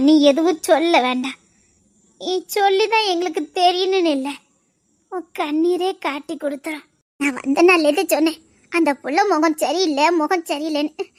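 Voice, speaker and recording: Woman, very high pitch, serial drama acting, tearful, comforting. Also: no room sound, clean studio sound.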